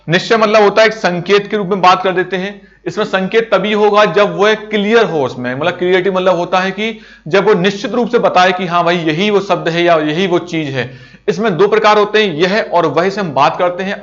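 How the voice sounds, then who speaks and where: A man's voice: high voice, fairly bright tone. A man teaching a grammar lesson, explaining each term step by step with repeated examples. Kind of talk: grammar lesson over slides. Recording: dull lo-fi recording.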